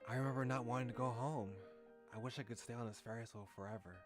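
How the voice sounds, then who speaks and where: A man voicing a cheerful, gentle teenage boy who talks earnestly and a little wistfully. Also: medium pitch, fairly even intonation, fast, over music, lightly acted.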